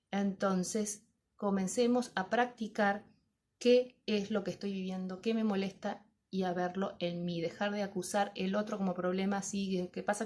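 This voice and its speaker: A woman's voice: medium pitch, darkish tone. A middle-aged woman talks to fellow teachers in a loose, thoughtful way. She keeps posing questions to herself and answering them as she guides her listeners. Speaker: teacher trainer.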